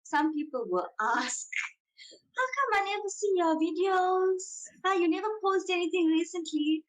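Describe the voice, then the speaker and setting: A young woman with a South African accent, from Johannesburg and Durban, chats casually as a podcast guest in an interview. She's a content creator, talkative and self-deprecating, with a very high-pitched, expressive voice at a moderate pace. The recording quality is low.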